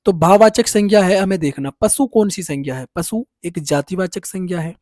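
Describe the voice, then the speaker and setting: A man's voice: normal speed, a little mellow, dry recording, studio quality. A man teaching an exam-prep lesson. He repeats key terms and keeps checking that his students have understood. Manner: rises on questions, drops low on answers. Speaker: Hindi teacher.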